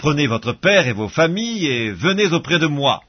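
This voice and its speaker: A man reading the part of a generous, commanding king in a husky voice, in a bible reading. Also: on the high side, sing-song, moderate pace, highs cut off.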